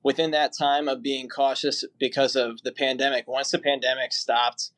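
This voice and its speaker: A man's voice: medium pitch, level tone, moderate pace, a bit bright. Easygoing musician guest, a man. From Philadelphia area. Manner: rambling, easygoing, lots of fillers. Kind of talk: casual interview.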